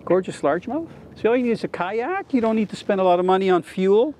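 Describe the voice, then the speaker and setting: A man's voice: high voice, lively intonation, quick pace, mellow, slight background noise. A middle-aged Canadian man giving casual, enthusiastic fishing commentary as show host, explaining things as he goes, speaking outdoors from a kayak.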